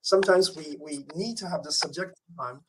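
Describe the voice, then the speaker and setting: Against a noisy background, a man from Canada with a slightly high voice talks a little fast in a conversational interview about his art. His manner is thoughtful and reflective, with frequent fillers and restarts.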